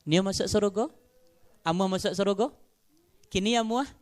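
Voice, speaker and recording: A man's voice: high-pitched, moderate pace. A man with a Minangkabau accent preaching a sermon, often addressing and teasing the congregation. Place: mosque gathering.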